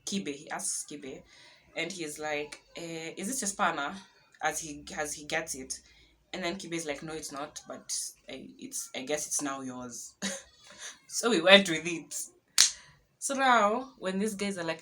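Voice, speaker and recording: Kenyan woman vlogger, low voice, lively storyteller, faint noise behind. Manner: animated retelling with laughs and dramatic whispered asides. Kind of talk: casual storytelling to camera.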